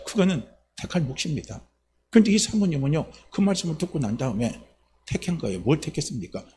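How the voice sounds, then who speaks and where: A male pastor preaching a Sunday sermon, his voice pitched a little high. His delivery swings widely in pitch as he fires rhetorical questions at the congregation, and faint background noise sits under it. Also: darkish tone.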